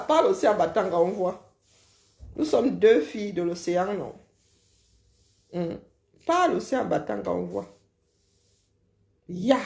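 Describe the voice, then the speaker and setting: A woman lectures and mocks in a loose, animated rant. Her voice has a gravelly fry to it. The sound rings with a roomy echo. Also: medium pitch. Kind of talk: casual live rant.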